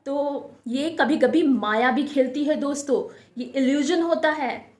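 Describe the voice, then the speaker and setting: Woman, high voice, spiritual advice talk, coaxing and repetitive, echoey room. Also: unhurried, darkish tone. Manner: repetitive, coaxing, addresses listeners as friends. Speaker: spiritual guidance speaker.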